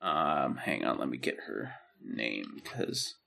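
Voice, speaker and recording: Slow and expressive, this young podcast co-host has a bass voice with vocal fry and a sharp tone. He chats casually, wandering off track and leaning on lots of fillers and restarts.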